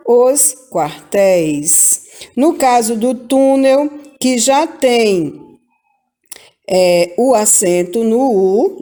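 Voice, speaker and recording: A woman with a Brazilian Portuguese accent teaching a grammar lesson to children, slow and patient, repeating each example with emphasis. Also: medium pitch, warm tone.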